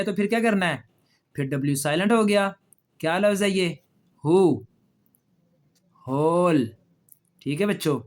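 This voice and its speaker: A man teaching a pronunciation lesson, patiently repeating example words slowly for children and asking them questions. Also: on the high side. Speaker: English teacher. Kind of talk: classroom lesson explaining pronunciation.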